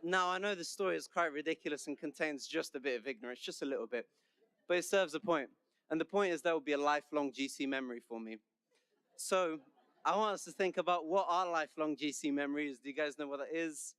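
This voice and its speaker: Smooth-voiced young London man. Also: fairly high pitch, fast, fairly bright tone, no room sound. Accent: London English. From London, England. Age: young adult. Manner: chatty, joking and conversational. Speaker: senior class speaker. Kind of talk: commencement speech.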